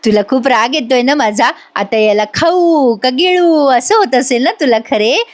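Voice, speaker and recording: Brief: woman reading as a gloating young husband, childish and smug, slow drawn-out taunts, slightly high voice. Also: animated. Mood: taunting.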